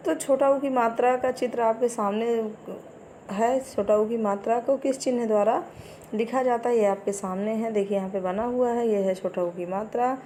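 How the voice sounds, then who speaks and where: Brief: female primary teacher, mellow higher voice, slow deliberate delivery, faint background hiss. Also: fairly even intonation. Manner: slow, patient, repeats words for children to echo. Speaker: primary school Hindi teacher. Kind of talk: recorded lesson for young children.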